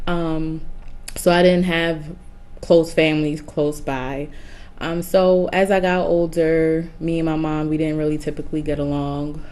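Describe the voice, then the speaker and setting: A woman from New York City whose first language is Garifuna, telling her life story as an interview guest, softly and with frequent hesitations. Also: low voice. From New York City, raised partly in Honduras. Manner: soft-spoken, hesitant with many ums. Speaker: guest, caseworker.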